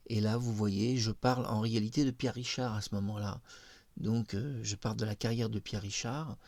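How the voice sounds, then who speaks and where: A man's voice: on the low side, fairly even intonation, moderate pace, creaky, a little mellow, no room sound. A man commenting to camera on his own video, enthusiastic and explanatory, with many hesitations. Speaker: video creator demonstrating a face mask software. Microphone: own microphone near the face.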